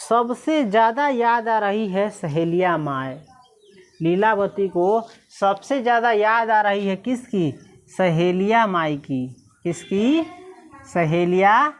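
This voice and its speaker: A woman teacher explaining a story, asking her class questions and answering them herself, slipping into village dialect. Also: mid-range voice.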